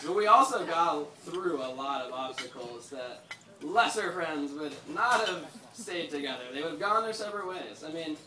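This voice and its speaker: A man's voice: on the high side, distant mic. Rambling young man giving a toast. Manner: rambling, storytelling with frequent "like" fillers. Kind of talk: wedding toast speech. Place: large hall at a wedding reception. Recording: echoey hall, chattering crowd.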